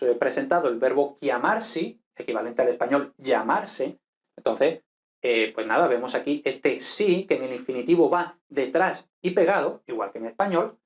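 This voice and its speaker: Man from lecturing on grammar, slightly high pitch, explanatory, keeps checking in with listeners. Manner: explanatory, checks in with frequent "¿vale?". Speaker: Italian grammar teacher. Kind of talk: lecture over slides.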